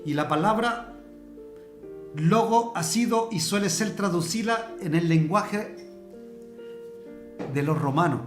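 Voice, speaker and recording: A preacher, teaching a church discipleship class in a conversational way and explaining with everyday examples. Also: male voice, high voice, slow, pauses often, echoey room, faint music behind. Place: church hall.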